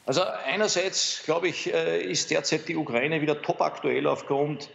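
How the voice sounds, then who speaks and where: Gravelly, hesitant man analysing polls. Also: fairly high pitch, steady tone, moderate pace, fairly bright tone, a little hiss or hum. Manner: hesitant, many fillers and restarts. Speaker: pollster guest expert. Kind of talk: studio interview analysis. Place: TV studio.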